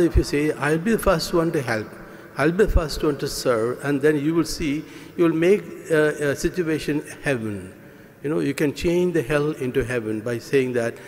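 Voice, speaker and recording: Older male priest preaching at Mass; earnest, halting delivery into a lectern mic, long church reverb. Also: fairly high pitch, a little hiss or hum. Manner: gesturing, earnest, many fillers and restarts. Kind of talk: homily at Mass. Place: church sanctuary, indoors. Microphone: stand mic at lectern.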